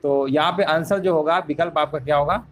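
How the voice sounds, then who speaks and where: Male teacher, somewhat high voice, live online class, repeats answers, rhetorical questions, step by step. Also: brisk.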